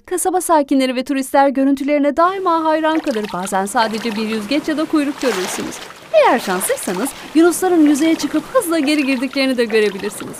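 A woman's voice: sits high, a little hiss or hum. A woman narrating a first-person true story in an earnest, dramatic reading voice.

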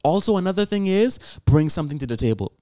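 Recorded with clean studio quality and no room sound, this seventeen-year-old man hosts a solo podcast in a fairly high, dark-toned voice, talking fast and animatedly. He addresses listeners earnestly and preachily, leaning on rhetorical questions while often restarting and repeating words.

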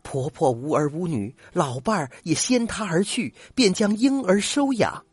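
An older man voicing a gentle, grateful young woman in disguise, with soft, earnest speech, in a told folk tale. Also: lowish voice, lively intonation, moderate pace, breathy edge, no room sound, pitched above the performer's own voice. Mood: sorrowful.

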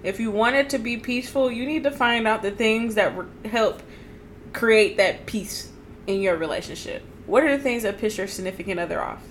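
A woman's voice: a little high, moderate pace, slight background noise. A woman co-hosting a casual podcast chat, talking bluntly and ranting with laughter. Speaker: podcast co-host.

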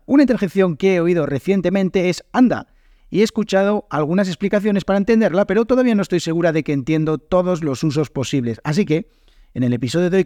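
A man's voice: high-pitched, mellow, dry recording, studio quality. A man from Spain with a Spain Spanish accent, hosting a podcast lesson in a chatty way and acting out example phrases. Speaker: podcast host and Spanish teacher.

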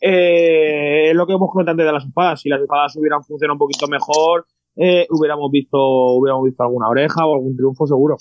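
A man's voice: on the high side, quick pace, dry recording. A man, co-hosting a podcast in casual chat, rambling and full of restarts. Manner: excited, rambling with many restarts. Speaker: podcast co-host. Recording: dull lo-fi dry sound.

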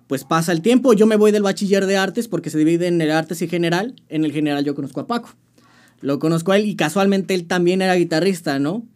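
Here the young musician's voice sits high, moves quickly, and sounds a little mellow. He speaks with a Mexican Spanish accent, chatting loosely in an interview and restarting often as he tells his story in slang.

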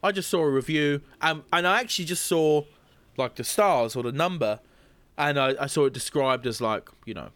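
A man's voice: a little high, normal speed, a bit bright, dry recording. A man co-hosting a podcast, chatting casually with wry, rambling musings full of hesitations. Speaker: podcast co-host. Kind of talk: casual chat.

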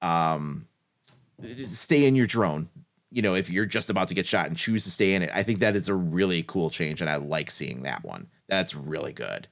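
A man's voice: low voice, lively intonation, moderate pace, gravelly. A man co-hosting a casual gaming podcast, talking things through with hedges and frequent laughs. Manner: thoughtful, hedging, laughs often.

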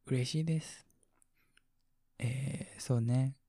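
Reading out listener comments on his late-night sleep radio program, a Kansai-accented host speaks softly, mumbling with a slight slur, chuckling under his breath and trailing into near-whispers. His voice is mid-range and unhurried, captured with clean studio sound and no echo.

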